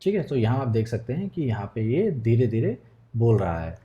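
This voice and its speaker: Mellow-voiced man explaining code. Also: medium pitch, very animated, normal speed, highs cut off. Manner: patient step-by-step explaining, frequent check-ins. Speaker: coding tutor. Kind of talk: screen-recorded coding tutorial.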